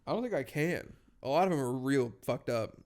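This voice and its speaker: A young man co-hosts a podcast in casual conversation, joking, laughing a lot, and sometimes getting hung up on words. His medium-pitched voice is expressive, brisk, and a little mellow.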